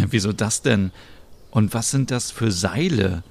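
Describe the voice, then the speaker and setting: A man as a sweet young woman who gushes, slow and a bit gravelly. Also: on the low side, exaggerated voice. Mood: curious. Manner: gushing and soft-hearted. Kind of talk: voicing characters in a narrated story.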